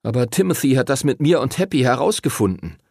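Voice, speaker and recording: A man's voice: mid-range voice, sing-song, quick pace, gravelly, a little mellow, husky, no room sound, studio quality, voice pushed up, heavily acted. A man voicing a proud, stubborn young schoolboy who answers his friends defensively and snappishly.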